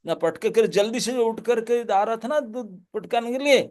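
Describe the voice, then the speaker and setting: A man's voice: extremely high pitch, normal speed, a little mellow, voice pushed up. A man voicing a frightened little boy god who pleads with his mother in lisping baby talk. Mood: whining.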